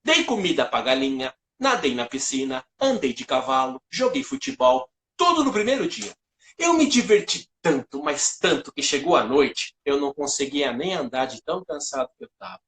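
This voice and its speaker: A man telling a comic story live, animated, with sound effects and voices. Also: a little high, normal speed, a little hiss or hum. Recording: echoey room.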